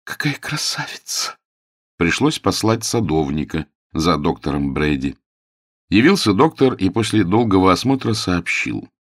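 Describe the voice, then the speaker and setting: Deep-voiced male audiobook narrator. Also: no echo, clean studio sound. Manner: measured, expressive reading.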